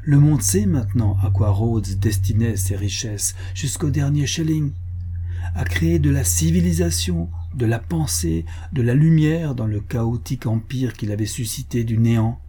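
A man's voice: mid-range voice, normal speed, warm tone, slightly rough, natural voice. A man voicing a zealous bearded prophet who speaks in an impassioned, declamatory way. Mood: exalted.

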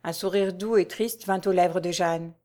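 A woman narrating a classic novel for an audiobook in a measured, expressive reading voice. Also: fairly low pitch.

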